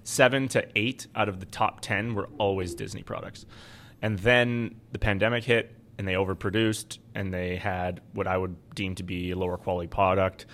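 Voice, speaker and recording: A man's voice: low voice, steady tone, moderate pace, fairly bright tone, a little hiss or hum. A man co-hosting a podcast, talking casually about finance as an investment adviser.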